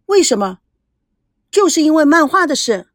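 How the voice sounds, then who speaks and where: A woman voicing a young woman who is hurt and hysterical, talking loudly and accusingly. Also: high-pitched, sing-song, moderate pace, no room sound, studio quality. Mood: upset, accusing. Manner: loud, tearful, accusing.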